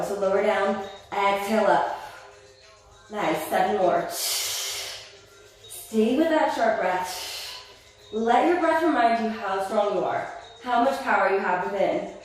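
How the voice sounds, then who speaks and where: A woman Pilates instructor cueing a workout and counting reps, encouraging and a little winded as she exercises along. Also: fairly high pitch. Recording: roomy echo, distant mic, faint music.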